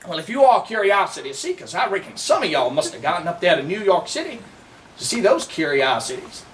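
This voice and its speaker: A man's voice: high-pitched, very animated, recorded from a distance, slight background noise. A man with a Southern American accent, a living history reenactor telling a first-person tale outdoors in a folksy, teasing way, chatting with his audience. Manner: folksy, teasing, drawn-out delivery with audience asides.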